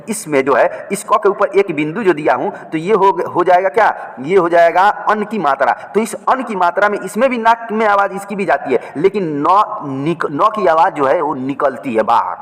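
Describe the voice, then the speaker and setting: A man teaching letters in a patient, step-by-step way, going over each point more than once. His voice sits a little high for a man. A long echo hangs in the room around him. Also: fairly bright tone. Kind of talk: explaining letters at a board.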